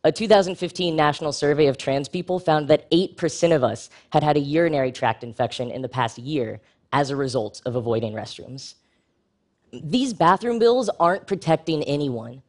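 At normal speed, a man delivers a prepared public address with a frank, wry, humorous style. His pitch jumps animatedly whenever he wants emphasis.

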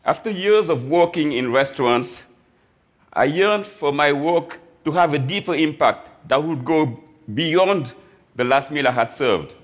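A man from Senegal, a chef, giving a prepared talk on a live stage in a measured, reflective way. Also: mid-range voice. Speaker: chef and speaker.

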